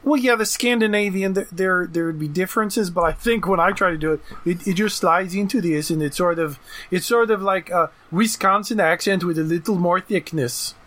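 A man co-hosting a podcast in casual chat, talking in a lively way and often restarting his words. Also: high voice, moderate pace. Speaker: podcast co-host.

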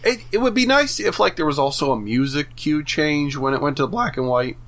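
A man's voice: on the high side, animated, fairly quick, fairly bright tone. A man co-hosting a podcast, giving chatty critical opinions about a cartoon episode. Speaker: podcast co-host. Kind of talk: casual chat recapping a cartoon episode.

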